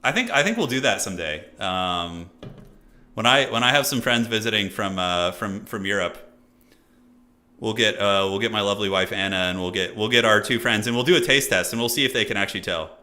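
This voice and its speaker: A man's voice: fairly low pitch, fairly quick, pushed and bright. A man, chatting loosely with his live-stream audience and commentating a strategy game match, with lots of fillers and restarts. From United States. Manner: loose and chatty, many fillers and restarts, reads chat aloud. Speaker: streamer and caster.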